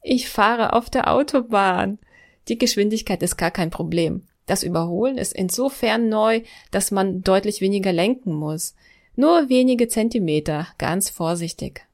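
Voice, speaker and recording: A woman's voice: medium pitch, normal speed. Woman in her thirties telling a personal story. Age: 30s. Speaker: podcast host. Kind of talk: scripted first-person narration.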